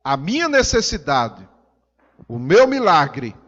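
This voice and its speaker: A man's voice: a little high, very animated, takes it slowly, fairly bright tone. A man with a Brazilian accent preaching a sermon in a church hall, emphatic and repetitive, speaking directly to the congregation. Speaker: pastor. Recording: dull sound with long hall reverb.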